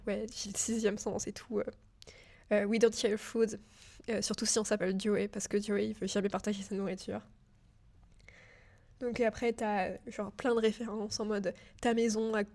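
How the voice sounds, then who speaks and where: A young woman chats through her student web project in a casual, filler-heavy way. She sounds a little nervous as she talks straight to the viewer. Her pitch stays fairly level and even throughout. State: a bit nervous. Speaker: digital school student. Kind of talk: casual screen-share walkthrough.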